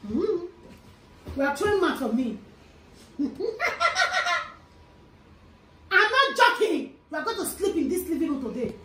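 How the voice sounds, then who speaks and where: A woman's voice: high-pitched, big pitch swings, unhurried, long pauses, distant mic. A woman playing a bullying mother. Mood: threatening. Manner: scolding and commanding. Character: harsh scheming mother who bullies the children. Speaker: actor in a family skit. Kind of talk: amateur family skit acting. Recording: echoey room, off-mic, background noise.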